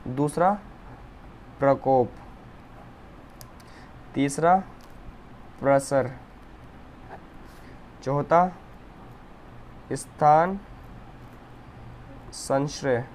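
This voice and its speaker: A man's voice: mid-range voice, extremely slow, pauses often, a little mellow, slight background noise. A young man teaching an Ayurveda lesson, explaining step by step as he writes, often checking in with "okay". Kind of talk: whiteboard lecture.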